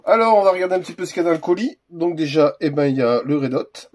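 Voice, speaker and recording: A man's voice: on the high side, expressive, rapid-fire, noisy background. A man hosting a casual unboxing video, talking hesitantly with lots of fillers and restarts. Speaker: gun accessory reviewer.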